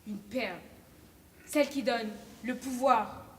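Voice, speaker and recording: A woman on a theatre stage playing a young woman who gently tells a story to her friends. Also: fairly high pitch, takes it slowly. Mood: calm. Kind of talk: stage play acting. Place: theatre stage, large hall. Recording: echoey hall, faint noise.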